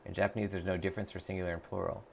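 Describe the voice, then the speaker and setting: A deep, gravelly voiced man races through casual live-stream chat in a level tone as he practices a language app, with slight background noise. He keeps thinking out loud, filling pauses and restarting, and he reads viewer messages aloud to reply.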